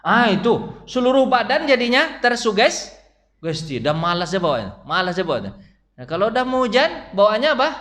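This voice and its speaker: Chuckling religious teacher, slightly high man. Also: a bit bright. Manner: humorous, chuckling, addresses listeners directly. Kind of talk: casual mosque study lecture. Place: mosque.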